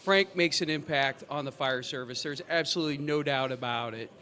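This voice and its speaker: A man hosting a fire service podcast, his voice sitting a little high. He talks in a halting way and restarts his sentences often. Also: sharp tone. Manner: halting, many fillers and restarts. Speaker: podcast host. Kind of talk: casual podcast chat.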